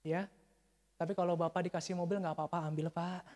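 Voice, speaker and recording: A male pastor preaching a sermon, telling a story with lively swings and calling to the congregation as he goes. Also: on the high side, quick pace. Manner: animated storytelling, addresses congregation as Pak and Bu. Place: church sanctuary. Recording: church hall reverb.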